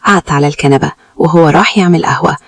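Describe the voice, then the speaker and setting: A woman with an Egyptian Arabic accent narrating a first-person story in a quick, even reading. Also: deep voice, no room sound.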